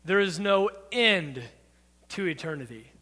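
A man's voice: high voice, animated, unhurried, sharp tone. A man giving a youth sermon to a group, with playful, jokey asides to the audience. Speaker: youth pastor. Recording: long hall reverb.

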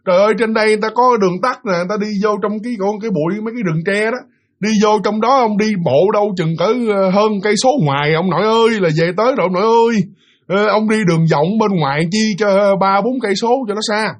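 A man's voice: high-pitched, fast, voice pushed up, lightly acted. A man voicing a group of rowdy male drinking buddies who tease a newcomer. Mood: mocking. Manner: teasing, loud, mocking.

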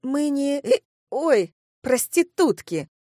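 A woman voicing a timid, naive young female student who sounds high, anxious and pleading. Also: sing-song, slow pace, warm tone, no room sound, studio quality, heavily acted.

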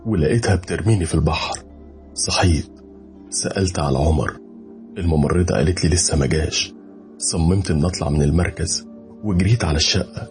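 A deep-voiced man with an Egyptian Arabic accent narrates a first-person horror story. His delivery is intense and dramatic. Faint music runs under the narration. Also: darkish tone.

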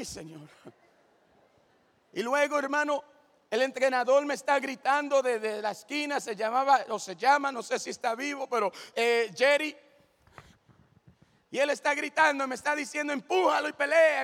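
A man giving a lively testimony sermon, telling his story with animation and often calling the listeners brother. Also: very high voice, moderate pace, long pauses. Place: church. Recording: long church reverb.

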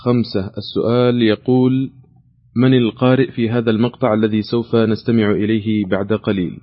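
Fast-talking low-voiced quiz host man. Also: steady tone, dull audio. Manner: reads questions out, patiently repeats options. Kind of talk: call-in quiz hosting.

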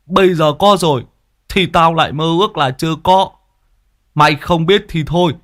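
A man's voice: a little high, moderate pace, fairly bright tone, voice pushed up, natural voice. A male storyteller voicing a bumbling, flustered older village man who stammers. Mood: grumbling.

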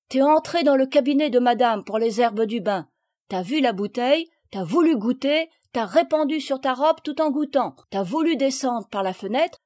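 Old countrywoman gardener for a storybook reading, loud and high, rustic and scolding, as a woman reader puts her on. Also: no room sound, studio quality.

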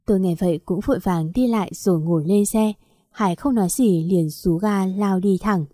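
Woman, story narrator, first-person reading, steady, warm mellow voice, dry close sound. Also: mid-range voice, normal speed, dry recording.

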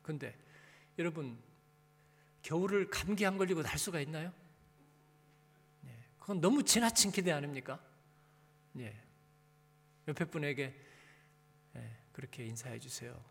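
In a large hall with long reverb, a high-voiced male pastor preaches conversationally, asking the congregation rhetorical questions and nudging them with short tag questions. His intonation is lively, his pace unhurried with long pauses, and his voice sounds creaky and slightly rough.

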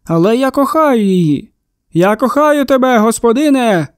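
Brief: storybook shopkeeper, chubby, jolly and teasing; male reader putting him on, smooth tone, dry close sound. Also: very high voice, lively intonation, normal speed, no echo. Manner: hearty exclamations, theatrical teasing.

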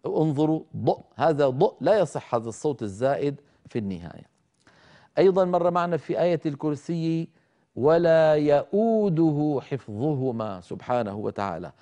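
A middle-aged man teaching Quran recitation, explaining rules and slowly demonstrating each sound. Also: a little high, expressive, mellow. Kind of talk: televised tajweed lesson with live callers.

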